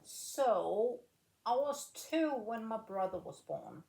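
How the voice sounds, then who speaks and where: A woman in her late thirties, a former rifle shooter from Denmark, answering interview questions in a measured, unhurried way with pauses between phrases. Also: a little high, animated, vocal fry, a little mellow. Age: 30s. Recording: echoey room.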